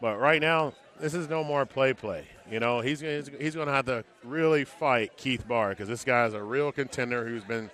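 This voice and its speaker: A man's voice: mid-range voice, a bit bright. Chatty laughing boxing color man. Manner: chatty, laughing, halting with fillers. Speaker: color commentator. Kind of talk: casual boxing commentary. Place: music venue boxing event.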